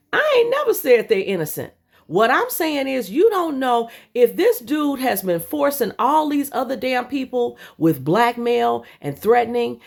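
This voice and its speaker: A woman vlogger delivers a heated, profane rant at her audience. Her voice sits high and swoops up and down, with a gravelly fry at the ends of phrases. She is blunt and scolding, and she often trips over repeated words. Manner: repeats and restarts words when worked up. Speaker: commentary vlogger.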